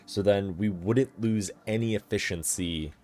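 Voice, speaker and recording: A man's voice: lowish voice, unhurried, mellow, slight background noise. A man giving casual gameplay commentary, thinking aloud and correcting himself as he plans, sounding tired and yawning at times. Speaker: gameplay streamer.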